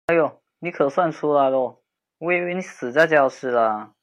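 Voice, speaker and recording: A man's voice: fairly high pitch, normal speed, highs cut off. Snarky young man teasing a childhood friend. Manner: teasing, snarky, then gently soothing. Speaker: voice actor in an audio drama. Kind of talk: role-play audio drama for female listeners.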